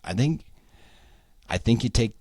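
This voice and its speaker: A man's voice: mid-range voice, expressive, a little slow, a little mellow, breathy edge, no room sound, clean studio sound. A young man hosting a solo sports podcast, venting with sarcasm and plenty of swearing. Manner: profane, sarcastic, fired-up venting. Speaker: podcast host. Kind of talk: solo sports recap rant.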